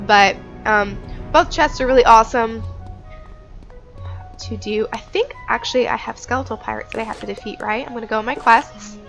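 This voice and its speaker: A woman's voice: fairly high pitch, moderate pace, vocal fry, fairly bright tone, soft background music. A woman hosting a casual game walkthrough on a headset mic, chatty and informal, thinking aloud as she goes. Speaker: gaming video host.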